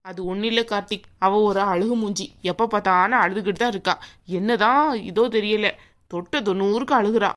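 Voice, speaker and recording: A woman voicing a haughty young bride in a cartoon, sharp and sneering as she bosses others around. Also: mid-range voice, brisk, natural voice. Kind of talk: cartoon voice acting.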